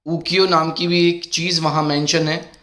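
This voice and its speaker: His throat sore, a middle-aged teacher runs an exam-prep session in Hindi mixed with English, his pitch barely moving. His voice is slightly higher than most men's. He goes through each question slowly and warmly calls the students beta.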